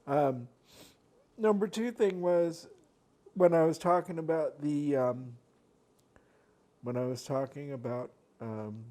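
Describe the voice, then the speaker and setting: His voice sits a little high and a little mellow, moving slowly with frequent pauses. Seated at a desk by a laptop at home, the mukbang vlogger eats on camera and chats loosely, filling the ramble with fillers and restarts.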